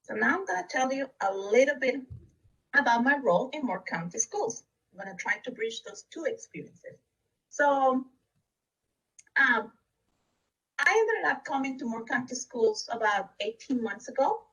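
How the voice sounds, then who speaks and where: A woman presents a recorded webinar in an earnest, steady way. Her voice sits a little high and sounds husky and breathy. She is recorded from a bit back from the microphone. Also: moderate pace, recorded from a distance, rough recording. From Costa Rica. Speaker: district education leader.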